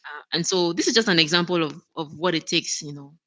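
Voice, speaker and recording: She's an operations manager being interviewed conversationally as a guest, and her voice sits low, fairly quick and a bit bright. She speaks earnestly, restarts often, and laughs without effort.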